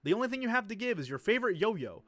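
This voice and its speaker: A man's voice: high voice, very animated, rapid-fire, sharp tone. Laughing man reading a game aloud. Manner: playful, laughs often. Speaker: stream host, narrator of the game.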